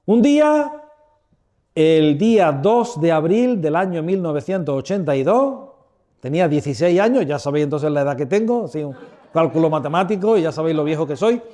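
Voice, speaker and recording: Warm-voiced man in his fifties preaching. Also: a little high, animated, fairly quick. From Andalusia, Spain. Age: 50s. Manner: chatty and humorous, asks the audience questions. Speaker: preacher leading a church workshop. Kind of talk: informal sermon to a live audience. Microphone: handheld or stand microphone.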